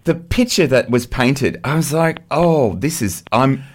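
A man hosting a radio show, chatting eagerly and gushing with excitement. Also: medium pitch, measured pace. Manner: excitable, gushing, laughs often. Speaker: radio host. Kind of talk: enthusiastic casual radio chat.

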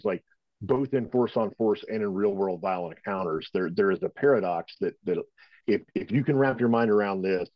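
A low-pitched man, interviewed at home as a firearms instructor, answers at length in a casual, rambling, conversational way heavy with fillers. There's no room sound and the highs are cut off.

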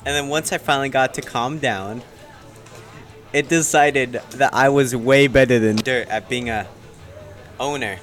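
A young man co-hosting a podcast, trading dry, quick comebacks in casual banter. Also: mid-range voice, fairly even intonation, a bit bright, soft background music. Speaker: podcast co-host.

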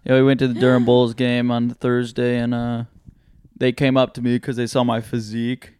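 Clear-voiced man chatting casually. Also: mid-range voice, monotone, normal speed, a little mellow. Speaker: podcast co-host. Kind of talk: casual chat and storytelling.

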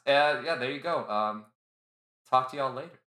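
A man co-hosting a podcast, talking loudly and rambling, swearing casually and looping back over his words. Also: mid-range voice, moderate pace, roomy sound. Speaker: podcast co-host.

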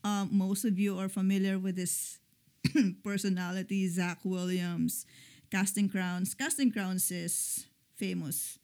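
A middle-aged woman co-hosting a casual chat show, talking slowly and hesitantly with frequent pauses. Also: medium pitch, level tone, a little mellow. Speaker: podcast co-host.

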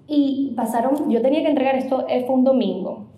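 A woman's voice: high voice, brisk. A young woman, telling a story in a casual interview, acting out voices and laughing often. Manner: animated, acts out quoted voices, laughs often. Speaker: interview guest. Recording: echoey room.

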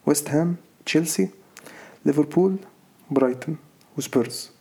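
A man's voice: a little high, a little fast, gravelly, warm tone. A man with an Egyptian Arabic accent casually debating football as a co-host, argumentative and repeating himself.

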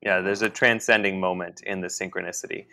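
A man co-hosting a podcast, talking in a halting, musing way with many restarts. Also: low-pitched, fairly even intonation, vocal fry, bright, forceful tone. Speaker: podcast co-host. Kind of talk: casual spiritual conversation.

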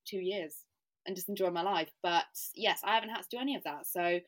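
A woman's voice: on the low side, fairly quick, a bit bright. A woman from England, chatting as a podcast guest with plenty of "like" and self-deprecating laughs. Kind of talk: casual podcast conversation.

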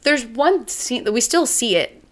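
A woman's voice: a little high, expressive, measured pace. A woman co-hosting a casual chat, rambling through a comic's plot and acting out the characters' lines as she goes. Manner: rambling retelling, acting out quotes. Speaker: podcast co-host.

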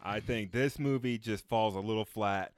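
A man's voice: lowish voice, normal speed, no echo, clean studio sound. A man co-hosting a casual movie podcast, trading crude jokes and blunt verdicts. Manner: crude, laughing banter. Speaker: podcast co-host. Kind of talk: casual movie review chat.

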